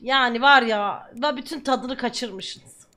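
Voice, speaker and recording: Young female gaming commentator, bright high tone, talkative with sudden angry outbursts. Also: slow. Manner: chatty, bursts into loud swearing shouts. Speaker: gaming streamer. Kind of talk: game commentary.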